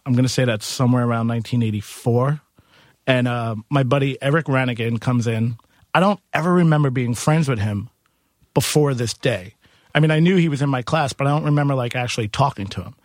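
A man's voice: medium pitch, a little fast, no echo, studio quality. Casual man telling stories. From Queens, New York. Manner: informal, conversational storyteller slipping into quoted dialogue. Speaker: bar and music venue owner, interview guest. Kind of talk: casual interview storytelling.

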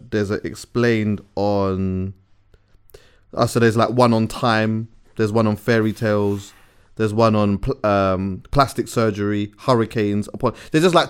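Lowish-voiced casual man. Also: clean tone. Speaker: podcast co-host. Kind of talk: casual rambling chat.

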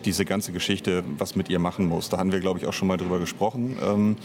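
Speaking fast in a low, flat voice against background noise, this man is being interviewed casually about his work writing and directing audio drama. He searches for words and explains things at length.

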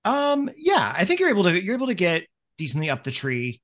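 A man's voice: sits high, wildly swooping pitch, brisk, a bit bright. A man running a tabletop game as game master, narrating in a rambling way, full of "like" and "um". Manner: rambling, many "like" and "um" fillers.

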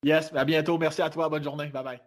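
Man, Québécois accent, casual podcast guest, blunt, swears, slightly high voice. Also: little pitch movement. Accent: Québécois French. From Quebec. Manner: blunt, swears freely, talks in quick restarts. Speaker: guest comedian.

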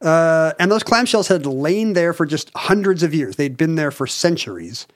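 An American man co-hosting a podcast, rambling and halting, with dry humor. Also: on the high side, lively intonation. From United States. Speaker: podcast co-host. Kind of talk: casual chat. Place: Pacific Northwest.

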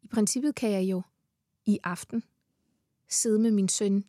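In a casual podcast conversation, a heavily pregnant Danish guest talks with enthusiasm, swears freely, and laughs often. She has a dark, medium-pitched voice, recorded in studio quality on a studio mic with no room sound.

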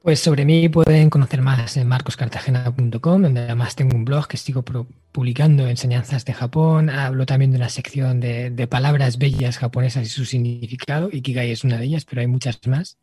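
A man, a guest author, explaining ideas in a casual, explanatory way with a husky voice. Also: mid-range voice, fairly even intonation, a little fast, hardly any pauses, dark tone, no echo. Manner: explanatory, uses everyday metaphors. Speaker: guest author on Japanese culture. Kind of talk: casual interview chat.

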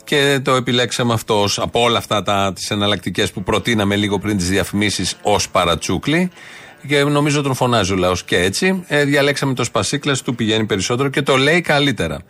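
A man hosts a satirical radio program with a dry, sardonic edge. His voice sits at an ordinary middle pitch as he jokes between segments. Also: animated, a bit bright. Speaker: radio show host.

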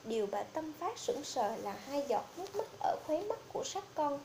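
A woman's voice: high-pitched, very animated, normal speed, dark tone, a little hiss or hum. A woman reading out a horror story as a storyteller, playing all the characters herself with little change of voice.

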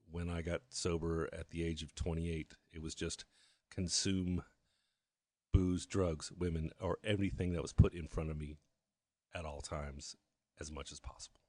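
A man in his fifties, a guest telling his story candidly in a halting way that often restarts with repeated words. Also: deep voice, a little mellow, no echo. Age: 50s.

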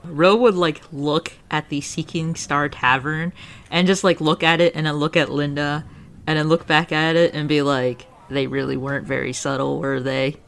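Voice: mid-range voice, fairly even intonation, normal speed, a bit bright. A co-host playing a tabletop game, chatting casually, swearing freely and laughing often. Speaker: player and co-host.

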